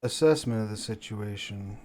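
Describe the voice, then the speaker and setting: A man playing a guarded, commanding anonymous contact in a tabletop game, giving terse, formal orders in measured phrases. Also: lowish voice, darkish tone, lightly acted.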